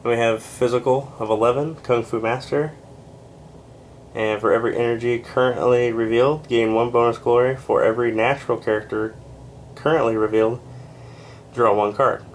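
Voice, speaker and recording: A man with a stuffed-up voice works through a deck of game cards, reading each one's text in a plain, unhurried way. He adds casual asides with fillers and is a little short of breath. A faint hiss sits behind him. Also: mid-range voice, fairly even intonation. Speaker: board game reviewer.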